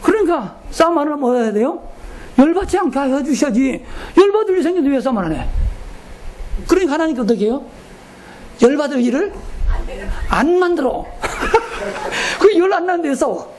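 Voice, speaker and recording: A man's voice: extremely high pitch, very animated, moderate pace, pauses often, a little mellow. A middle-aged male pastor giving a folksy, joking retreat sermon and asking the congregation questions.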